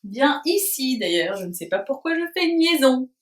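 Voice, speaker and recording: A woman teaching a lesson to small children at home, asking simple questions in a slow, sing-song voice and praising their answers. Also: sits high, very animated, distant mic. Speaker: preschool teacher. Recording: roomy echo, voice a little off-mic.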